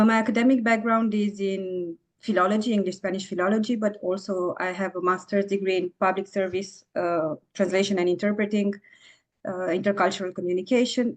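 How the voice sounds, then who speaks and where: A woman's voice: medium pitch, poor audio. Friendly woman guest from Romania. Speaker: podcast guest, director. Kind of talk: casual interview answers.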